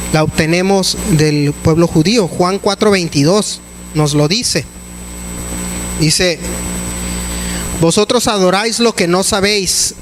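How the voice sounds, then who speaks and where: A male pastor with a high voice gives a casual, chatty sermon and often stops to restart his sentences. A faint hum runs underneath his voice. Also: poor audio. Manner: conversational, many restarts and fillers.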